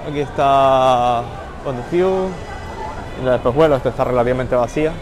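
A man of medium pitch speaks at a moderate pace, livestreaming a walking tour of a busy shopping mall and greeting viewers by name as he goes. He films on a handheld phone camera, so the rough live-stream audio carries loud mall noise, with crowd and mall ambience behind him.

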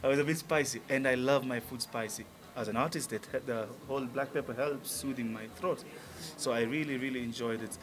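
Over crowd noise, a man with a medium pitch speaks briskly, barely pausing. He's a musician in his thirties from Tanzania, the guest in a casual restaurant-lounge interview, full of enthusiasm and fillers, recorded through a table mic on a stand.

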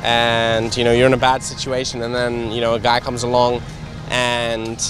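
A man's voice: mid-range voice, completely flat delivery. Young man, street interviewer, upbeat, teasing, handheld mic, busy city street, faint music behind. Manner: upbeat, teasing, quick follow-up questions.

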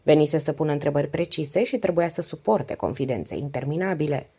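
Woman, audiobook narration, steady measured pace, warm low husky voice. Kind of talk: scripted narration.

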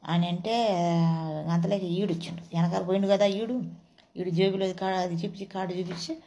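A woman's voice: mid-range voice, fairly even intonation, brisk, warm tone. A woman from India, a house worker casually retelling a quarrel and acting out what each person said. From Telugu-speaking India. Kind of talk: casual storytelling vlog.

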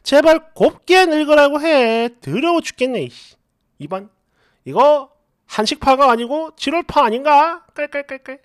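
A woman narrating a submitted family story and reading comments aloud in a chatty, animated, sometimes mocking way. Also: sits high, a little slow, no room sound, clean studio sound.

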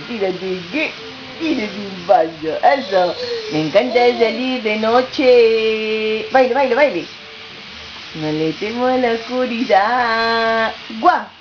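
A middle-aged woman, cooing in sing-song baby talk to an infant at home. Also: mid-range voice. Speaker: relative caring for a baby. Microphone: camcorder. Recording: muffled home video with noise.

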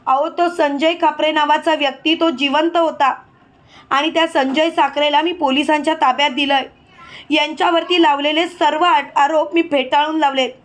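A woman's voice: sits high, fairly even intonation, moderate pace, natural voice. A woman voicing a clever, outspoken young wife who confronts her mother-in-law. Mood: eager. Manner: confronting, respectful address.

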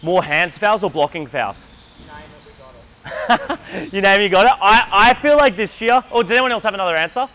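A man's voice: sits high, moderate pace, long pauses, pushed and bright, dull audio, slight background noise. A man coaching a basketball clinic on an indoor court, energetically calling out drills and counting down for players.

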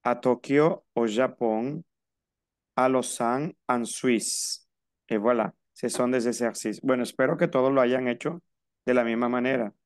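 Patient, unhurried male French teacher. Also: mid-range voice, clear, resonant tone, no echo, clean studio sound. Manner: patient, repeats and spells out rules. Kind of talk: online class explaining French in Spanish.

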